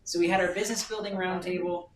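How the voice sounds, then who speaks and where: A woman leading a real estate office meeting, running through announcements at a brisk, upbeat pace. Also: on the low side, steady tone, crowd noise. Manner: brisk, upbeat, pleading plugs. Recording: echoey room, distant mic, background noise.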